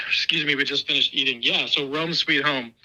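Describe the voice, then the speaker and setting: A man's voice: medium pitch, fairly even intonation, moderate pace, pushed and bright, low-quality recording. Man calling in over speakerphone. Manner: thoughtful, hesitant, many "like" fillers. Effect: heard over a speakerphone. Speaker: guest calling in. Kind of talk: casual call-in conversation. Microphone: phone call played over speakerphone.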